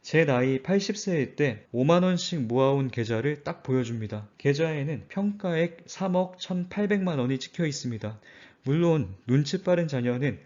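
A man narrates a scripted finance talk in a calm, measured and earnest way. His voice sits a little high for a man. The sound is somewhat dull and lo-fi. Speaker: finance channel host.

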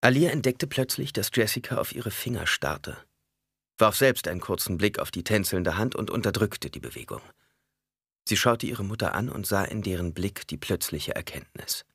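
A man narrating a fantasy audiobook in a measured, expressive reading. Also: lowish voice, gravelly, slightly rough, no room sound, clean studio sound. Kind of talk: scripted narration.

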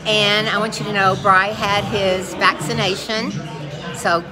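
A woman's voice: mid-range voice, flat delivery, a little slow, music in the background. A woman in her fifties chatting casually for her vlog, gushing and proud, filmed on a phone at arm's length. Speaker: vlogger. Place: home kitchen, then restaurant bar with TVs. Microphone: phone camera at arm's length.

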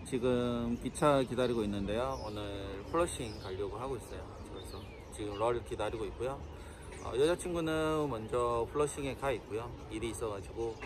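A man narrates his day casually through a face mask, chatting straight to the camera. His voice sits at an ordinary middle pitch. Clear traffic and street noise run behind him at an outdoor station. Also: normal speed. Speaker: vlogger, photographer. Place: outdoors, waiting at a train station. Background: urban traffic noise.

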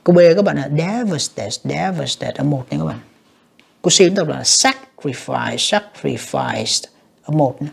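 Speaking fast in a medium-pitched, gravelly voice with a breathy edge, this English teacher reviews exam questions. Each English option is read out, translated and assessed, with frequent address to "các bạn".

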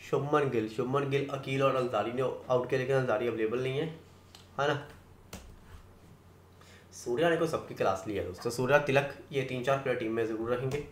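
Guy rattling off cricket fantasy picks real quick, sure of himself, echoey room. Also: mid-range voice, slight background noise. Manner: rapid, confident, keeps tagging "है ना" and "दोस्तों". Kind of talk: fast casual team-prediction talk.

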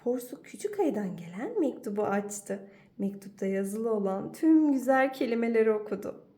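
A woman teacher reads a children's storybook aloud. Her voice is high and very lively, rising and falling with expression. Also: moderate pace. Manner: expressive, animated.

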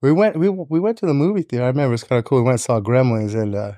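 A man in his fifties with an American accent casually tells personal stories as a guest on a podcast, speaking very fast in a warm, medium-pitched voice. He is recorded in an indoor podcast studio on a close studio microphone on a stand, with no room sound.

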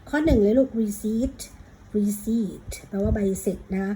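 A woman teacher with a Thai accent, patiently walking children through English exam questions, reading the English lines out slowly and calling the listener "child". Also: mid-range voice, warm tone, slight background noise, rough recording. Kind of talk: exam prep lesson.

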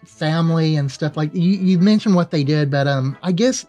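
A man's voice: on the high side, normal speed, dark tone, faint music behind. A man in his thirties asking casual interview questions into a studio microphone. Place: indoor studio. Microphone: studio microphone on a stand.

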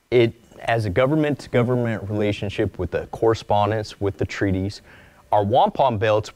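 Here a man in his forties, an archivist, talks through slides in a mid-size lecture room indoors, keeping it conversational. He acts out small quoted asides and describes his own voice as monotone. The recording is dry and his voice mid-range.

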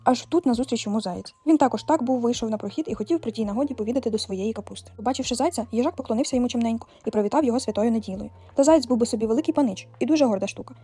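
A woman reading a fairy tale aloud for children in a lively, folksy telling. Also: a little high, slightly rough. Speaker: storyteller.

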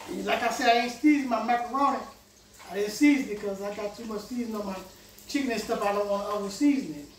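A man's voice: high voice, fast, a little hiss or hum. A middle-aged man hosting a home cooking vlog, talking casually to himself and viewers as he cooks in his kitchen. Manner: easygoing, talks to himself while cooking. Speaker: home cooking show host. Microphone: fixed camera across the kitchen. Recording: echoey kitchen from far off. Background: frying and sizzling food.

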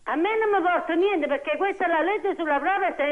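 Middle-aged Neapolitan mother, high voice, insistent and repetitive, heard down a tinny phone. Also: fairly quick. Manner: insistent, repeats herself. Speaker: phone-in prank target. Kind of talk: agitated phone conversation.

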